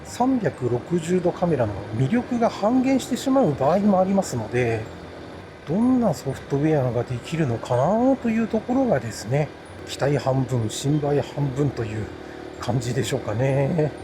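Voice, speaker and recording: A motovlogger reviews action cameras in a casual solo chat to viewers while riding a motorbike outdoors. His lively, high voice comes at a normal speed from inside his helmet, and the recording is noisy with the motorcycle ride.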